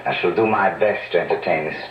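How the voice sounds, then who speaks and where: A man's voice: low voice, brisk, far from the mic, close to an everyday voice. An actor playing a suave, aristocratic male vampire count in an old-time radio drama, courtly and formal. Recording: old radio broadcast, roomy and dull.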